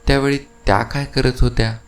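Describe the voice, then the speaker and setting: A man's voice: medium pitch, steady tone, a little fast, creaky, pitched above the performer's own voice, close to an everyday voice. A man reading the part of a young, confident CID inspector who questions people sharply. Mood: stern questioning.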